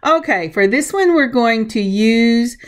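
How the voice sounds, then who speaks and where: A woman with a gravelly voice gives casual hands-on craft instruction, chatting and narrating her own steps in an unhurried way. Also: a little high, expressive. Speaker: craft tutorial host.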